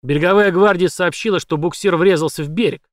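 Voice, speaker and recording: A man voicing a menacing, bullying armed police chief who barks loud threats. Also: high voice, quick pace, dry recording, studio quality, pitched above the performer's own voice, lightly acted. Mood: barking.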